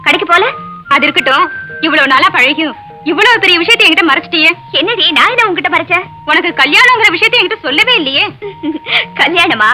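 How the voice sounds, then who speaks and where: A woman's voice: extremely high pitch, animated, a little fast, faint music behind. An actress playing a chatty, teasing young woman friend in a Tamil film, speaking with a Tamil accent.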